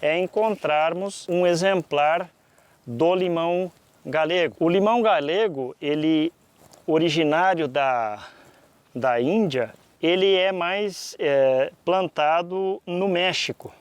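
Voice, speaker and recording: A man from southern Brazil with a southern Brazilian accent, presenting an explanatory lesson to viewers in a didactic, deliberate way with frequent pauses mid-sentence. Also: fairly high pitch, clean tone, dry recording. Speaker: presenter of a fruit-growing lesson.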